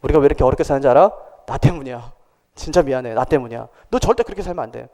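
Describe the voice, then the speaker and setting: A pastor acting out a remorseful Adam. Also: male voice, medium pitch, animated, very fast, a little mellow, big-room sound, voice pushed down, close to an everyday voice. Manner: confessional, pleading with descendants. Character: Adam, first man, remorseful father.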